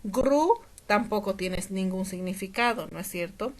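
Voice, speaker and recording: A woman's voice: medium pitch, lively intonation, measured pace. Patient woman teaching a lesson. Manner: patient, repeats examples, checks understanding with "¿no?". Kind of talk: classroom lesson explanation.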